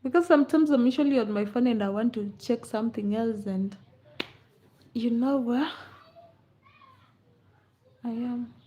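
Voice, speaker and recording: With a dark-toned, slightly high voice, a livestream host talks a little slowly and pauses often. She chats casually, answering comments playfully and teasingly and laughing frequently. The recording is dull, lo-fi livestream audio.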